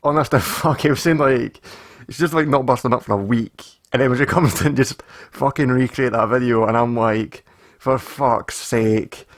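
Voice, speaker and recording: A man's voice: medium pitch, a little fast. A man in his twenties with a Scottish accent, casually telling a rambling personal story and swearing constantly. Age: 20s. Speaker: storytelling vlogger.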